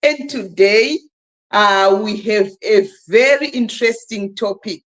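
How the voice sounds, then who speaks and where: Over poor audio, a woman from Zimbabwe speaks slowly in a medium-pitched voice while hosting a live stream panel. She talks casually but forcefully, spurring listeners on.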